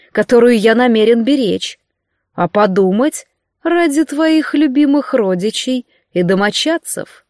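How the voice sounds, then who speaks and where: A woman reading an audiobook, voicing an arrogant, cruel young male court sorcerer with slow, mockingly tender speech. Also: fairly high pitch, darkish tone, no room sound, clean studio sound, close to an everyday voice.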